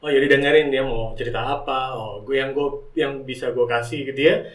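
In a roomy space, a little away from the mic, a middle-aged man talks as a podcast guest. His voice sits at a medium pitch, and his delivery is loose, slangy and conversational. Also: steady tone, moderate pace. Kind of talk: casual chat. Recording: roomy echo, distant from mic.

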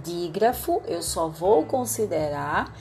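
A woman talks young pupils through a review lesson. She explains step by step and stops often to check that they follow. Her pitch rises and falls a lot, and faint music plays underneath. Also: expressive, a little slow, a little mellow. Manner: patient and explanatory, with frequent check-ins. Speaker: primary school teacher. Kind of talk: remote lesson to children.

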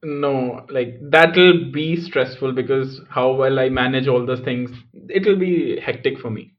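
A man's voice: mid-range voice, unhurried. A man hosting a podcast, thinking aloud in a reflective, casual way with frequent restarts. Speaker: podcast host. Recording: muffled lo-fi recording.

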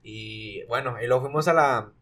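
A young man with a Mexican accent telling an animated, slang-filled story in casual chat. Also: medium pitch, moderate pace. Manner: slangy, animated, acts out voices in anecdotes.

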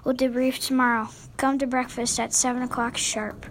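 A woman voicing a cautious older boy who takes charge, urgent and hushed, in a storybook read-aloud. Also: sits high, level tone, normal speed, a little hiss or hum.

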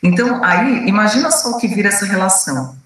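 Woman course leader, animated story-driven teaching talk, distant mic and heavy room echo. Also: medium pitch, fast talker. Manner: lively storyteller who acts out quoted dialogue.

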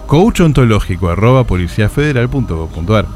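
A pompous, touchy horoscope guru with an Argentine accent played by a male comedian. His pitch moves around in a lively way as he addresses people formally and mock-solemnly. Faint music plays behind this comic radio voice. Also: fast, natural voice. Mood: self-important.

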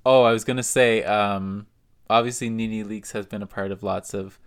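A man co-hosting a podcast, recapping reality TV fights in a laid-back, drawn-out way. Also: fairly low pitch, fairly even intonation, smooth. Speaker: podcast co-host. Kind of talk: casual chat.

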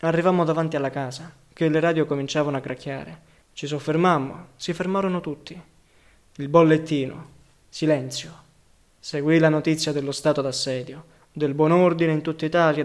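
In a quiet, steady reading of a novel, the male narrator stays calm and measured throughout. For a man, his voice lies relatively high.

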